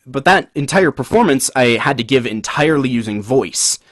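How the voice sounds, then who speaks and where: In a studio-quality recording with no room sound, a podcast co-host with a mid-range voice talks about acting at normal speed. It's a casual chat, loose and relaxed, wandering along with plenty of filler words.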